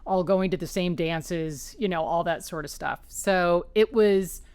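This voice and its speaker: Interviewed at her home, a woman author from the New York area who grew up as an Army child chats anecdotally, often restarting sentences. Her lowish voice is a little slow and mellow, with a clean, echo-free sound.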